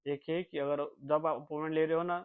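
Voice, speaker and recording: A man's voice: fairly high pitch, level tone, fairly quick, clean tone. A young man from Nepal telling a long, rambling story in a casual vlog, repeating himself and dropping his voice when he quotes others. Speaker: vlogger. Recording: tinny phone-like sound.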